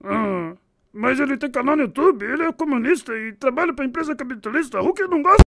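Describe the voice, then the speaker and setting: A childish green brute rages in short, broken third-person phrases, as a man puts him on. The voice is raspy and sharp-edged, set in a dry, close sound. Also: very high-pitched, lively intonation, fairly quick, no echo, heavily acted. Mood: grumbling. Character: angry hulking green male brute, childish.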